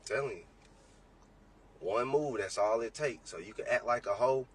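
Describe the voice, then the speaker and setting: Heard through a distant microphone with a little background noise, this late-twenties man talks at normal speed in a mid-range voice. He's a trading educator guesting on a relaxed podcast, dispensing hard-earned advice bluntly and with profanity.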